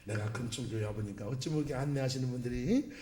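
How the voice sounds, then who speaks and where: A man preaching a revival sermon as a pastor, folksy and joking, swinging from loud exclamations to soft asides. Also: medium pitch, fast talker, noisy background. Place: church sanctuary. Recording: echoey church hall.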